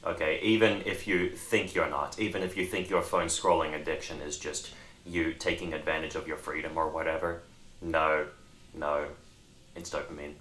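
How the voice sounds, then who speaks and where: Young male podcast co-host: low, forceful voice, lively and direct with the audience. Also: normal speed. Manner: animated, addresses viewers directly. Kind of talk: casual discussion.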